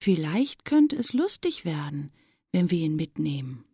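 A woman's voice: low-pitched, sing-song, measured pace, warm tone, breathy edge, no echo, studio quality, full character voice. A woman voicing a mean, mocking schoolboy bully in a storybook. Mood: scheming whisper. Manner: taunting, scheming.

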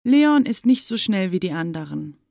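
A woman narrating a children's storybook in a measured, expressive way. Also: mid-range voice, gravelly, no echo, studio quality.

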